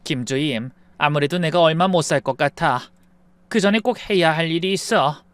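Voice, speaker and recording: A man voicing a dying old rich lady, soft and remorseful. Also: a little high, moderate pace, clean tone, no room sound, lightly acted. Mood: urgent, tender. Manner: soft, weary, apologetic speech. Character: dying elderly wealthy woman, gentle and remorseful.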